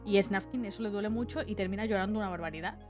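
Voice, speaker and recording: A woman's voice: mid-range voice, racing. A woman with an accent from Spain giving casual video essay commentary in an informal, chatty manner. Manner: informal and chatty, with conversational tag questions. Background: background music.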